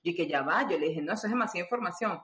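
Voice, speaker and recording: A woman's voice: on the low side, animated, racing, fairly bright tone. A woman telling a personal story, chatty, with many fillers and acted-out dialogue. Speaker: guest. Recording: roomy echo.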